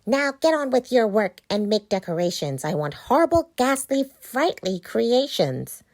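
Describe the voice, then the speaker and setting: A woman's voice: a little high, sing-song, a little slow, dry recording, clean studio sound, voice pushed up. A woman voicing a cranky, bossy witch in a children's story, speaking in a snappy, scolding way.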